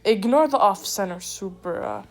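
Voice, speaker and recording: A woman giving casual gameplay commentary with a stuffy nose, rambling and excitable, often cutting herself off. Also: mid-range voice, moderate pace, soft background music. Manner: rambling, excitable, self-interrupting. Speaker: gaming video creator.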